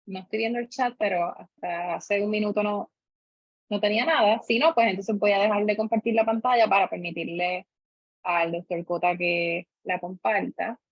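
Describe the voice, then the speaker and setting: A woman's voice: mid-range voice, fairly even intonation, moderate pace, dry recording. A woman, politely moderating an online session. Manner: polite, courteous. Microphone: video call. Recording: muffled video-call audio.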